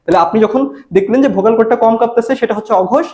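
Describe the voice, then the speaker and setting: Fast talking tutor guy, high voice, keeps asking and answering his own questions. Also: a little mellow. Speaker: admission exam tutor. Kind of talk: spoken grammar lesson.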